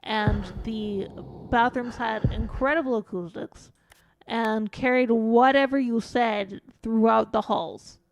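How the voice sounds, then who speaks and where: Woman streamer, slow and chatty, a bit high-voiced, tells stories while playing; dry, close sound. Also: fairly even intonation. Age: adult. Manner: rambling, chatty, swears casually. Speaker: VTuber streamer. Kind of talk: casual storytelling while playing a game.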